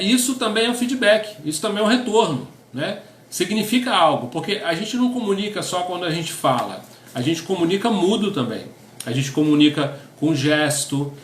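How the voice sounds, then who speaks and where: A man's voice: a little high, roomy sound, a little hiss or hum. A middle-aged Brazilian man, a pastor teaching couples in a conversational sermon, often tagging his sentences with a questioning aside. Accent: Brazilian Portuguese. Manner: conversational, tags lines with "né?", reads definitions aloud.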